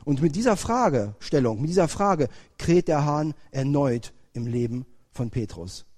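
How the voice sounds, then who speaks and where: A man preaching a sermon, first reading scripture slowly, then preaching with rising emphasis. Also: on the high side, lively intonation, darkish tone. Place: church. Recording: long reverb of a church hall.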